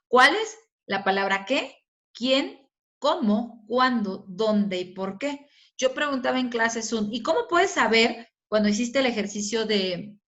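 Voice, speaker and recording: A woman's voice: medium pitch, lo-fi sound. A woman teacher with a Mexican accent giving a recorded video lesson, explaining step by step and often checking in with her pupils. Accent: Mexican Spanish. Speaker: schoolteacher.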